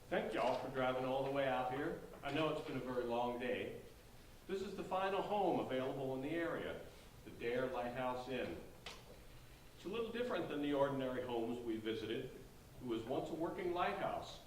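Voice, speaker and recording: A mid-range, natural, expressive male voice at a moderate pace carries a staged play reading. He plays a polite Southern real estate agent, folksy and courteous, selling an old inn during a tour. Expect an echoey hall, a distant microphone, and faint noise.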